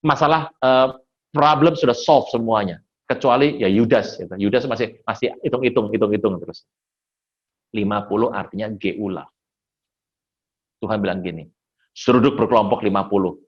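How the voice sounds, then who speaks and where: Male Indonesian pastor, conversational sermon, animated storyteller, slightly muffled sound. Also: on the low side, normal speed, pauses often. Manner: animated storytelling, acts out quoted voices; colloquial, jokes with the congregation.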